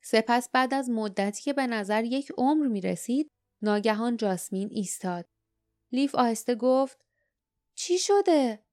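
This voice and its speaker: A woman's voice: a little high, darkish tone, dry recording, studio quality. A woman narrating an audiobook in scripted storytelling style, sometimes giving characters' lines their own voices.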